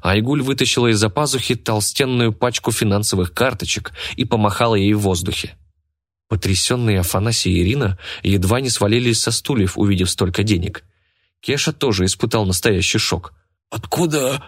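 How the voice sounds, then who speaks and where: Male audiobook narrator with a low voice. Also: brisk. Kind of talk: scripted narration.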